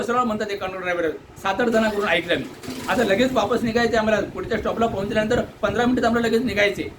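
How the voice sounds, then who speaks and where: A man from delivers an earnest complaint monologue, asking indignant rhetorical questions and mimicking shouted orders. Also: high-pitched, noisy background. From India. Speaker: Buddhist monk airing commuter complaints. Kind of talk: direct-to-camera complaint monologue.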